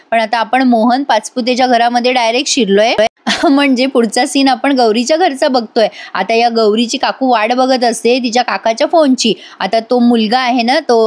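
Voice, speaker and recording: A high-voiced woman narrating a casual recap of a TV serial episode. She chats with her viewers directly and reads out each character's lines as she goes.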